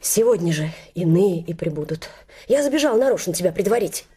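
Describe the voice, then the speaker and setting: A bustling older matchmaker gossips and flatters in a lively, exclaiming stream. She mimics the people she tells about. It is a stage play performance. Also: fairly low pitch, brisk, slightly rough.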